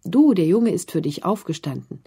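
A woman reading the part of a kind, helpful young woman who speaks gently in a storybook. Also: lowish voice, big pitch swings, moderate pace, husky, no room sound, clean studio sound, heavily acted. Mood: friendly. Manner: friendly and gentle.

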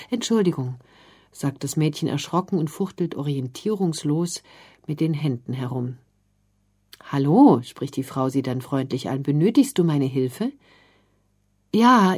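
A woman narrating a children's story in a calm reading. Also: low voice, slightly rough.

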